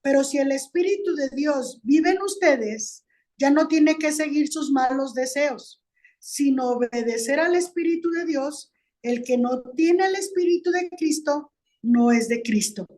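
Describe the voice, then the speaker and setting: A woman co-hosting a marriage sermon, reading a Bible verse aloud and explaining it calmly. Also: high-pitched, measured pace. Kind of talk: reading scripture and commenting.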